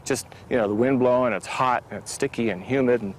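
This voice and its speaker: A man's voice: mid-range voice, brisk, slight background noise. An American man talking casually in an interview as a storm chaser.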